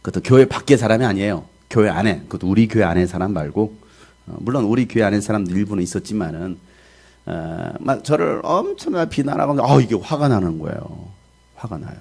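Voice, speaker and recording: A middle-aged pastor preaching in a gravelly, husky voice. His pitch leaps around in lively swings. He often raises his voice to a shout and acts out the voices of the people in his stories. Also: a little fast. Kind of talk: sermon.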